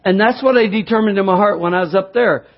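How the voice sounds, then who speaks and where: A man's voice: high-pitched, fast. A middle-aged man preaching a sermon, telling a homespun story and building to fervent exhortation. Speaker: pastor. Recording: dull lo-fi sound.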